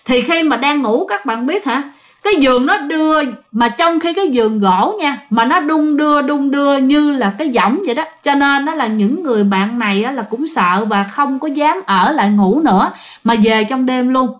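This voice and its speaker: A woman's voice: high voice, lively intonation, moderate pace. A woman narrating a ghost story in a chatty way, often addressing her listeners directly.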